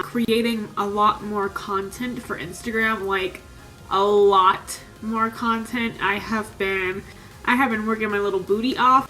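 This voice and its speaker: A beauty vlogger in her twenties chats her way through a makeup tutorial in a small home room with a sparkly backdrop, sounding a bit nasal from a cold. Her voice is fairly high and fairly bright, upbeat and chatty with lots of "like" and "super," though the recording quality is low.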